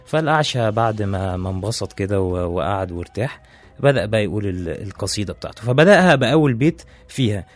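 A man's voice: on the low side, lively intonation, fast talker, faint music behind. A man with an Egyptian accent telling a story in a chatty, casual way, with restarts and asides to the listener. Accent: Egyptian Arabic.

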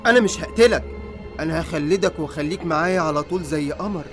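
A man voicing an unhinged male killer in an Egyptian cartoon, with an Egyptian accent, dreamy, creepy and childish. The voice sits high and rushes along quickly, with faint music underneath. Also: close to an everyday voice.

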